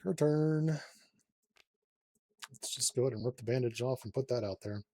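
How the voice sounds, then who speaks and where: A man's voice: mid-range voice, normal speed, warm tone. A man casually talking himself through a solo card game, counting cards under his breath and swearing freely. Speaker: solo card game player and channel host. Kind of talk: casual tabletop card game playthrough commentary.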